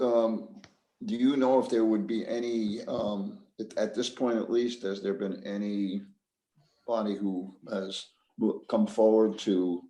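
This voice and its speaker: A man's voice: fairly low pitch, mellow. A man chairing a public meeting as board chair, speaking in a businesslike, procedural way. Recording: roomy, echoey meeting audio.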